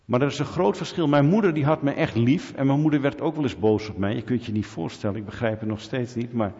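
A middle-aged man preaching a sermon, telling stories with sudden loud peaks. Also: mid-range voice, fast. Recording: dull audio with long hall reverb.

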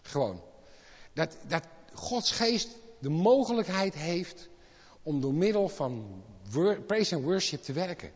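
Impassioned preacher in a reverberant hall. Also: male voice, fairly high pitch, sing-song, slow pace, slightly rough, dull audio. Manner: impassioned, rising to loud exclamations. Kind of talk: sermon. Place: church hall.

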